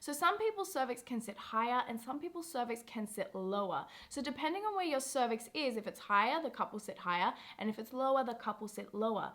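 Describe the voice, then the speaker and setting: A woman's voice: a little high, animated, fairly quick, few pauses, fairly bright tone. A young woman hosting a casual review vlog, chatty and encouraging, with frequent "like" fillers. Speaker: women's health video host.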